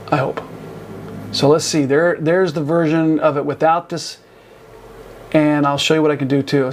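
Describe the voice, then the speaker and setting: A man's voice: fairly high pitch, slight background noise. A man giving a casual screen-recorded photo editing tutorial, talking in a rambling, self-correcting way. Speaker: photography instructor.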